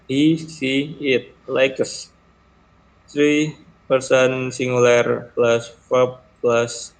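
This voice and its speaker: Slow, halting young man presenting. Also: mid-range voice. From Indonesia. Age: young adult. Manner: halting, repeats words, clears throat often. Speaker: student presenter. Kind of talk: class presentation on grammar. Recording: dull lo-fi recording.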